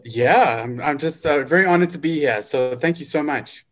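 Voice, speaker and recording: A man's voice: on the high side, normal speed, a bit bright. A forty-year-old man being interviewed, talking in a hesitant way with many fillers. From South Africa. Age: 40s. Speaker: guest. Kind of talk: casual interview.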